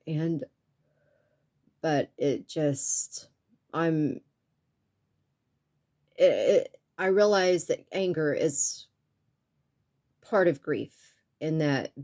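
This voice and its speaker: Low-voiced woman, halting and tearful. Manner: halting, with many pauses and restarts; earnest and soft-spoken. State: stuffy sinuses. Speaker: YouTube art channel creator. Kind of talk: personal vlog talk to viewers.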